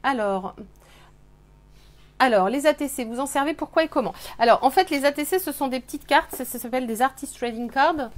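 A woman hosting a live scrapbooking workshop, explaining techniques with many pauses and fillers. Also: high voice, lively intonation. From France. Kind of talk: live craft demonstration. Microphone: webcam on a live stream.

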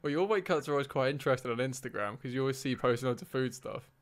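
A man hosting a casual podcast chat, teasing his guest with quick jokes. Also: medium pitch. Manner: teasing, jokey interjections. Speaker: podcast host.

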